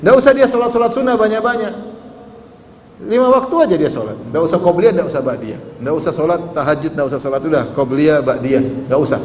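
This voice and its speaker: In a large hall, a man preaches a sermon to a live audience, teasing them with questions and quoting Arabic in a chanting lilt. His voice is fairly high and quick, with slight background noise, and the recording carries the echo and faint ambience of the hall.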